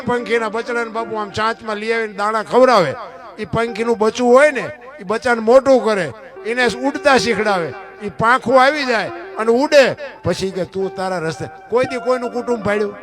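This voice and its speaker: Guy, high voice, folksy dayro talk, keeps throwing questions at the crowd, guitar playing behind. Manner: rhetorical questions, addresses listeners as bapu. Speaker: folk literary speaker. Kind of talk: Gujarati dayro folk talk.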